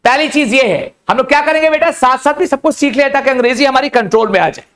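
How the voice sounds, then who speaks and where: एक पुरुष शिक्षक जो कोचिंग क्लास में छात्रों को "बेटा" कहकर समझाते हुए अंग्रेज़ी पढ़ा रहे हैं।. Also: male voice, very high-pitched, quick pace. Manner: addresses students as beta, lively and coaxing. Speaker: English teacher. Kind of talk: classroom lecture. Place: coaching classroom.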